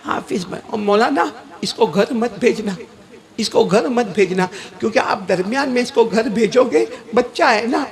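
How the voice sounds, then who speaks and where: A male preacher telling a story in a sermon, acting out the voices in it and asking the audience to call answers back. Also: very high voice. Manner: acts out quoted voices in story.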